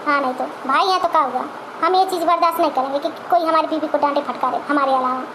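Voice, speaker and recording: A very high, quick cartoon voice for a protective young husband, as a woman plays him. He rattles on in his wife's defense. There is a noisy hiss behind the voice. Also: steady tone, lightly acted. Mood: reassuring. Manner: reassuring, indignant. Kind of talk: cartoon comedy voice acting. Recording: noisy amateur recording.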